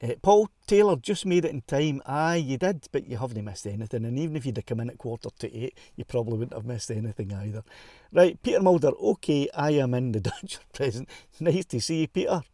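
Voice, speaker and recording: A man's voice: mid-range voice, animated, brisk, dark tone, no echo, clean studio sound. A Scottish man hosting a casual live stream from a car, chatty and self-deprecating, laughing often, on a clip-on mic. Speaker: livestream host. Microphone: clip-on wireless mic.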